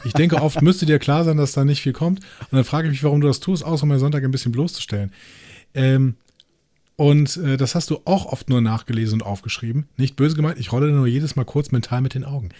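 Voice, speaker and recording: A man's voice: mid-range voice, fast talker, mellow, no room sound, clean studio sound. A man co-hosting a casual podcast, quizzing his partner with episode trivia and mocking himself along the way. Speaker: podcast co-host.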